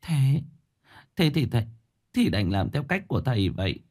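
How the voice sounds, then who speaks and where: A man's voice: mid-range voice, big pitch swings, moderate pace, darkish tone, pitched above the performer's own voice. A man voicing a frightened middle-aged mother who stammers in a trembling voice. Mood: tearful.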